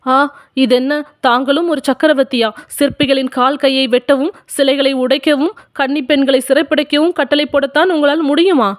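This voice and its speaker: A woman's voice: high-pitched, moderate pace, no echo, clean studio sound, close to an everyday voice. A woman voicing an anguished old male sculptor in an audiobook, pleading and crying out for his daughter.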